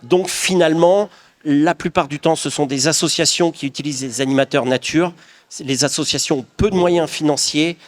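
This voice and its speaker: A middle-aged craftsman from the Paris region of France, speaking at a fairly high pitch and moderate pace, gives earnest, reflective interview answers. He frequently restarts what he's saying.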